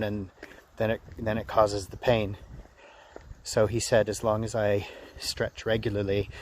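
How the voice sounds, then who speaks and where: Male vlogger, lowish voice, reflective and halting casual monologue, faint ambient noise behind. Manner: reflective, halting, repeats phrases. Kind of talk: casual personal vlog monologue.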